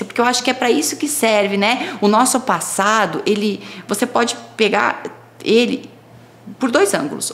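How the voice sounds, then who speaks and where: A Brazilian woman on a podcast sharing her personal faith testimony in casual talk, telling it expressively and acting out the conversations she describes. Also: a little high. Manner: expressive storytelling, acting out dialogue. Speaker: podcast guest.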